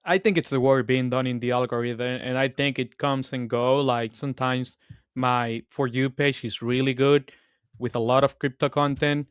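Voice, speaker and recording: A man's voice: medium pitch, fairly even intonation, normal speed, clean tone, no room sound, clean studio sound. A man co-hosting a casual markets podcast, laid back and leaning on "like" fillers. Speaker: co-host.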